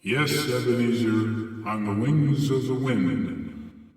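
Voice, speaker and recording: A man's voice: mid-range voice, natural voice. A man playing the mournful, reproachful ghost of a dead businessman in an old-time radio drama, intoning solemnly. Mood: anguished remorse. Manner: slow, solemn, drawn-out intoning. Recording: cavernous long reverb, distant voice.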